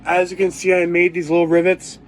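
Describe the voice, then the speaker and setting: A man with a sore throat talks quietly through a casual vlog, his voice sitting a bit high for a man. He rambles, restarts and hunts for words as he goes. A faint hum of background noise sits under him. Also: completely flat delivery, a little fast. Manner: rambling, searches for words with many fillers. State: sore throat, talking low. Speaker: cosplay vlogger.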